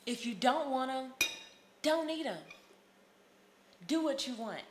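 An actress playing a withdrawn, tired hip-hop artist who talks in a flat, dismissive way. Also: female voice, high voice, slow pace, roomy sound, noisy background. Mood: weary. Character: weary, withdrawn woman, hip-hop artist shutting people out.

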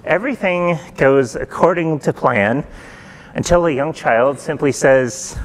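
A middle-aged man preaching a sermon in a church, retelling a folktale in a relaxed, conversational way and asking the congregation questions. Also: on the high side, unhurried. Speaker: pastor. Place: church sanctuary.

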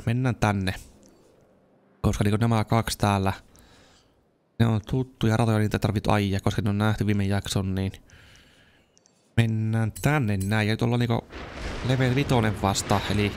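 Finnish gamer man, low voice. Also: noisy background. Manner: excited yelps at near misses. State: dry mouth, strained voice. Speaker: gaming video host. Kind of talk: casual gameplay commentary.

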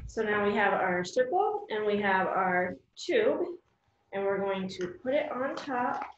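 An American woman in her thirties gives children simple, plain step-by-step craft directions across a table in a small home room. Her mid-range voice has lively intonation and an unhurried pace. The recording is reverberant and lo-fi, with slight background noise.

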